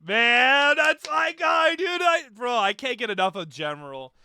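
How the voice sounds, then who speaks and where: High-voiced, bright, slangy man streaming. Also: unhurried, clear, resonant tone. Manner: excitable, slangy, exclaiming. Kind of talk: casual livestream reaction.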